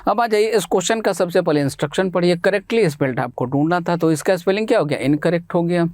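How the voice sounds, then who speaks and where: A man's voice: high-pitched, fast talker, darkish tone, no echo. A man with an Indian accent teaching an exam-prep English class, asking questions and answering them himself and spelling words out letter by letter. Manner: addresses students as beta and bhai. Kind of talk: Hindi classroom lecture.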